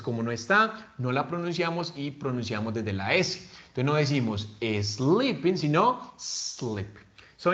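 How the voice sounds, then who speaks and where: A man's voice: a little high, fairly bright tone, lo-fi sound. Man teaching English grammar. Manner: switches between Spanish and English, patient explanations; checks in often with the class. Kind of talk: recorded online grammar lesson.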